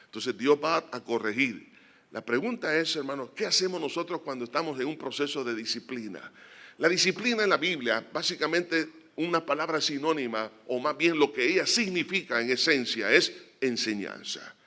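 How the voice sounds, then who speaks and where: A male pastor preaching a sermon, rising to emphatic peaks and dropping to quiet, earnest prayer. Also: on the high side, lively intonation, normal speed.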